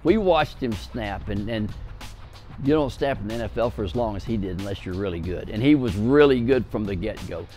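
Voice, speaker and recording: A man's voice: fairly low pitch, animated, fairly quick, a little mellow, soft background music. A man from a university's athletics staff, recalling a former player in a documentary interview.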